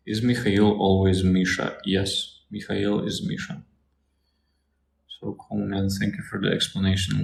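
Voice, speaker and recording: A man from Russia, a native Russian speaker, working as a Russian tutor and calmly reading out and answering viewer questions. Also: sits low, vocal fry. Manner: calm, unhurried explanations. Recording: echoey room, faint noise.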